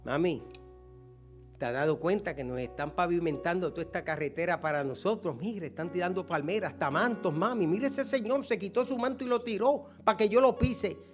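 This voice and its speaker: A man's voice: sits high, fairly quick, soft background music, lightly acted. A pastor voicing a nervous young male donkey colt who keeps crying out to his mother. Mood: complaining. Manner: plaintive, repeatedly calling for his mother.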